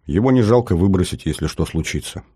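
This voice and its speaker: A man voicing a calm, composed young woman in an audiobook, with a prim schoolgirl tone when she speaks up. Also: deep voice, fast talker, breathy edge, no echo, clean studio sound. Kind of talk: audiobook character voice.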